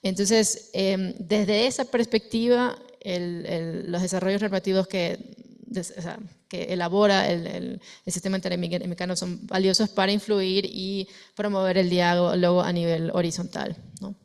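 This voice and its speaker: A woman's voice: lowish voice, flat delivery, moderate pace, gravelly. A woman from Ecuador speaking as a panelist in an academic discussion, hesitant, with many fillers and restarts.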